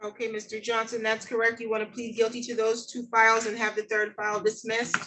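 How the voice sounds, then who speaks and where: A woman's voice: fairly high pitch, monotone, brisk, fairly bright tone, a little hiss or hum, low-quality recording. A woman speaking as a judge in a courtroom, putting formal questions and explaining procedure step by step.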